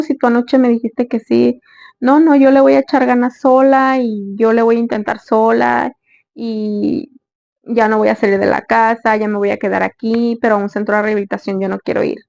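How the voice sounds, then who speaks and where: A woman's voice: a little high, vocal fry, darkish tone, no echo. A young woman earnestly tells a sad family story, retelling dialogue in quotes. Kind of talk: personal story narration. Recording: dull dry close recording.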